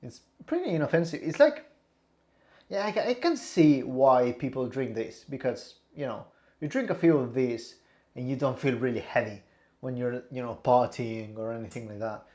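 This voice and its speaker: A young man, tipsy and queasy, rambling casually in a vlog with halting repeated words. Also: medium pitch, expressive, warm tone. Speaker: streamer. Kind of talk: casual vlog, taste testing.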